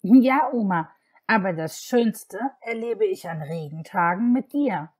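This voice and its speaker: A woman voicing an excited little girl in an audiobook, with a husky voice. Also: medium pitch, unhurried. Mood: eager.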